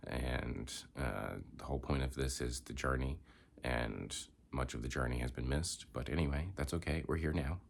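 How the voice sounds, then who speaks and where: A man's voice: a bass voice, normal speed, gravelly, a little hiss or hum. A young man, congested, rambling reflectively in a candid personal vlog with many filler words. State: congested, coughing. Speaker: vlogger.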